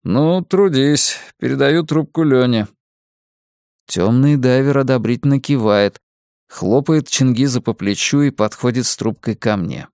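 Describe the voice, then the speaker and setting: Guy narrating a story real slow, gravelly, wry, very dry recording. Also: medium pitch, darkish tone, no echo. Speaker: audiobook narrator. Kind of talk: first-person audiobook narration.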